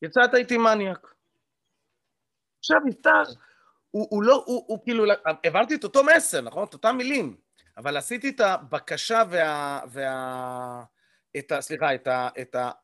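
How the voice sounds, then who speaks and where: Guy coaching a group live, kinda high voice, lots of uh's and "ok?" check-ins. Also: very animated, fairly bright tone, dry recording, clean studio sound. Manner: explanatory, checks in often with the audience; frequent hesitation fillers. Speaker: communication coach leading a workshop.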